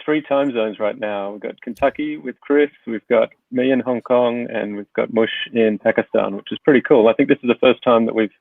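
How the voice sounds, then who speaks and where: A man hosting a podcast over a video call, speaking in a relaxed, rambling way with lots of fillers. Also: mid-range voice, moderate pace, gravelly, few pauses, no room sound. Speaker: podcast host. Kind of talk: casual conversational interview. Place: home in Hong Kong. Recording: dry, tinny phone-like line.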